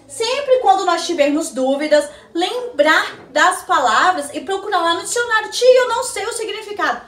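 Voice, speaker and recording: A woman teacher with a Brazilian Portuguese accent giving a recorded lesson to young children, slowly asking questions and answering them herself. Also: extremely high pitch, a bit bright, recorded from a distance. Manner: slow, sing-song teacher talk, answers her own questions. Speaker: primary school teacher. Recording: echoey room, slightly off-mic.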